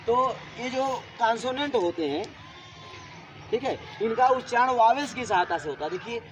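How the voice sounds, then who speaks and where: Man, high voice, classroom teacher, repetitive, quizzing students, faint street noise. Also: animated, normal speed, fairly bright tone, poor audio. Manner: repetitive, asks students questions. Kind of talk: classroom grammar lesson.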